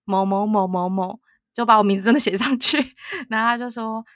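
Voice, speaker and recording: A woman from Taiwan, co-hosting a podcast and telling a story in a lively way, often laughing and acting out what others said. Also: on the high side, brisk, no room sound, studio quality. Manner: animated storytelling, frequent laughter, quotes others. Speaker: podcast co-host. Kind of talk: casual storytelling chat.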